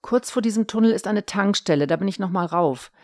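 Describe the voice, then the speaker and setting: A woman's voice: mid-range voice, fairly quick, a little mellow, dry recording, clean studio sound, natural voice. A woman doing a wheedling sheepish husband. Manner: wheedling, hasty, coaxing. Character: sly, sheepish middle-aged husband, man.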